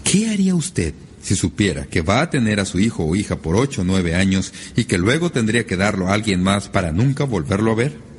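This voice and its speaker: A man preaching a sermon as a pastor, lively and emphatic, with sudden rises on key words. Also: on the low side, fairly quick, husky.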